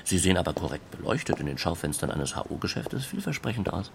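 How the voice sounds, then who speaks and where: A man reads a literary text in a low, gravelly voice, very animated yet measured and formal, laying things out factually like an official report. There's slight background noise.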